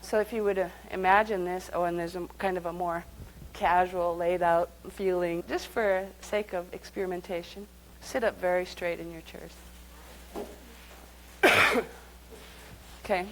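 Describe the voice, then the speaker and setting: Woman workshop teacher, lowish voice, conversational, faint hum behind. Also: fairly even intonation, a little slow, rough recording. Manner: conversational, guiding the group through exercises. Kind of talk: live workshop lecture.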